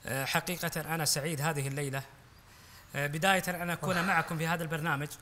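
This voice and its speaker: A man's voice: on the high side, steady tone, rapid-fire. A man with a Saudi Gulf Arabic accent who hosts a gathering and chats casually with effusive, courteous greetings. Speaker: host of a gathering show. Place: large indoor lounge with people around. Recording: busy room with crowd chatter.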